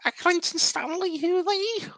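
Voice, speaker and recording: A man putting on a squeaky Scouse ad voice. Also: moderate pace, a bit bright, no echo. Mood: mocking. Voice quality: squeaky high jokey voice. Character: Scouse man from an old TV advert. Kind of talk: livestream chat.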